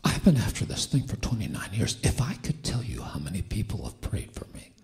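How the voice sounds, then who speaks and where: A man's voice: fairly low pitch, sing-song, fairly quick, darkish tone. A man preaching a sermon in a church sanctuary with an impaired, whispery voice, building to emphatic fervor. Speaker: guest preacher.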